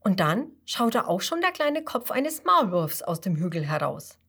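A woman narrating a children's story in a slow, gentle way. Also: mid-range voice, breathy edge. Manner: slow and gentle, with lively voices.

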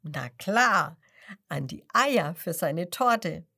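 A woman's voice: on the low side, animated, drawn-out words, vocal fry, bright, forceful tone. A woman reading a children's story aloud, asking the young listener questions and whispering secrets.

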